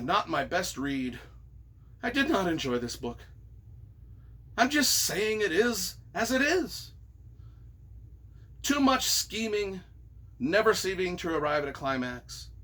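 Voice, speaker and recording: Reading reviews aloud, this man responds on the spot as their author in a theatrical, emphatic way, playing up mock exasperation. His voice is high and fairly bright.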